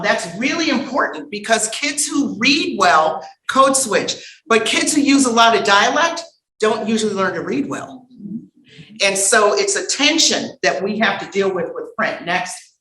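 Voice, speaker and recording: Woman, bright tone, lively humorous conference lecturer, echoey room. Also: fairly high pitch. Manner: lively and humorous, calls for next slide. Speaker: conference speaker. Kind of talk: lecture with audience banter. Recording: roomy hall sound.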